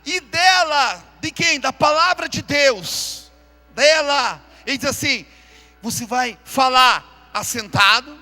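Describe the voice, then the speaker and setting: A man preaching, his voice very high and piercingly bright. He speaks fervently to a church congregation and keeps drawing them in to repeat his words, while soft music plays underneath. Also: takes it slowly. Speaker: pastor. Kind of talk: sermon. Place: church during a live service.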